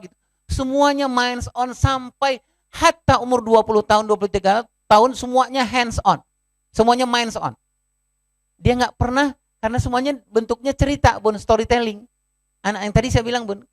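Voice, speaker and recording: A man's voice: very high voice, dry recording. A man giving a parenting seminar talk in a conversational manner, addressing the parents in the audience and acting out short family scenes. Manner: conversational, often addresses listeners as "Bun"; acts out short family dialogues in his talk. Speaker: parenting speaker.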